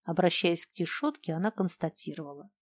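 A woman narrating a detective novel in an even, measured storytelling voice. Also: on the low side, no echo. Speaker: audiobook narrator. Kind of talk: scripted narration.

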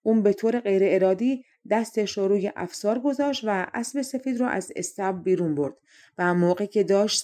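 A woman narrating fairy tales for an audiobook in a steady, expressive storytelling manner. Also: medium pitch. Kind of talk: scripted fairy-tale narration.

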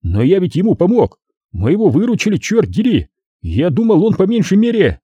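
A man's voice: sits high, wildly swooping pitch, a little fast, dark tone, slightly rough, dry recording, pitched above the performer's own voice, heavily acted. A man voicing an aggrieved male gangster who complains indignantly. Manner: indignant, grumbling.

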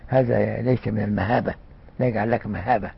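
An older man with an Egyptian accent giving a conversational religious lesson, often pausing with fillers and restarting words. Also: fairly low pitch, fairly even intonation, vocal fry, husky. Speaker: religious scholar. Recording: muffled lo-fi recording.

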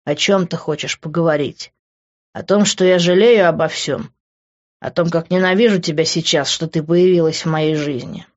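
A woman reading the lines of a brooding, volatile young man in an audiobook, in a low, moody voice. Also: steady tone, moderate pace, dull audio, close to an everyday voice. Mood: bitter.

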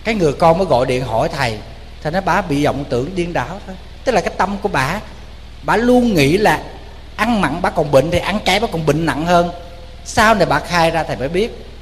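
A man with a Southern Vietnamese accent, a Buddhist monk preaching a storytelling sermon in a somewhat high voice. He is animated and colloquial and speaks straight to his listeners. His voice carries a long hall reverb over a faint background hiss. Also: fairly quick. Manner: animated, addresses the audience directly, colloquial.

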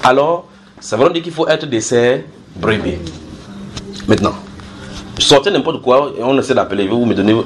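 A man's voice: mid-range voice, normal speed, pauses often, background noise. A man preaching and teaching from the Bible to a gathered group. He explains with everyday analogies, repeats key phrases and asks his listeners questions to draw responses.

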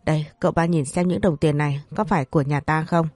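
A woman's voice: deep voice, steady tone, fast talker, no echo. Young male servant , read by a woman: blunt, accusing, dry close sound. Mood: angry accusing. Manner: shouting accusations.

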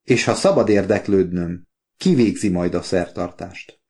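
A man's voice: low voice, animated, warm tone. A man voicing an earnest, talkative older father in an audiobook, pleading and heartfelt. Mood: wounded. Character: warm talkative older working-class father. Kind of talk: audiobook character voice.

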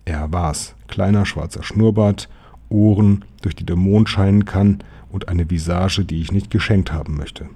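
A man's voice: unhurried, breathy edge. A man reading a children's novel aloud, shifting his voice for the boys' lines. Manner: lively, shifting pitch for quoted boys. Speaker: audiobook narrator. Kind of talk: audiobook reading of a children's novel, voicing the boys.

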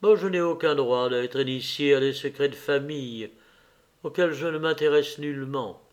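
A man's voice: fairly high pitch, normal speed, close to an everyday voice. A man playing a moody, impulsive young nobleman on a hunt, exclaiming and swinging between eagerness and gloom. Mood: curt.

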